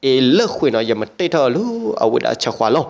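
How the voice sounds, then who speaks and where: A man telling a traditional story aloud in an unhurried, steady way. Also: mid-range voice. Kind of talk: oral folk storytelling.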